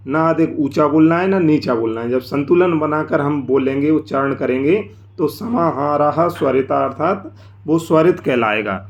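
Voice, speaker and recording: A man teaching a language lesson, explaining slowly and step by step, sometimes drawing out sounds to show them. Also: a little high. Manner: slow, explanatory, often drawing out sounds to demonstrate. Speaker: Sanskrit teacher.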